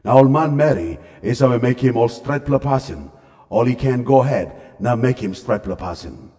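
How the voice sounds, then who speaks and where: Man playing mellow, reverberant angel, Papua New Guinean accent. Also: medium pitch, normal speed, natural voice. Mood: solemn. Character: solemn male angel, humble messenger of God. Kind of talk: dramatized scripture reading. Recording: long hall reverb. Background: faint music.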